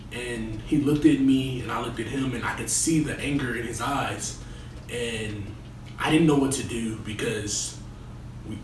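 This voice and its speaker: A man's voice: mid-range voice, lightly acted. A young man playing a resident assistant in a comedy skit interview, talking colloquially about himself. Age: young adult. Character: young male resident assistant, cocky and boastful or earnest. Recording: echoey room, distant mic, noisy.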